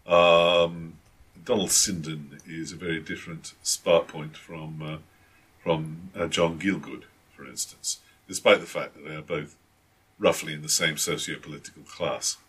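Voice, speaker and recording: A man's voice: a bass voice, steady tone, unhurried, fairly bright tone, breathy edge. A man, a tabletop game master, chatting casually and hesitantly with many restarts and fillers. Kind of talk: casual chat.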